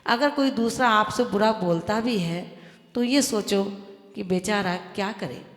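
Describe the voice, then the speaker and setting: A woman's voice: mid-range voice, a little slow. A woman, a Jain nun, giving an earnest devotional sermon that exhorts listeners and explains with everyday examples. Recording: echoey hall with long reverb.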